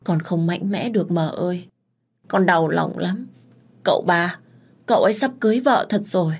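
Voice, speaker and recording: A woman voicing a young, heartbroken servant girl who is crying and answering back in a raised, shrill voice. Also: expressive, normal speed, close to an everyday voice. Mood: tearful. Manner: sobbing, shrill when angry.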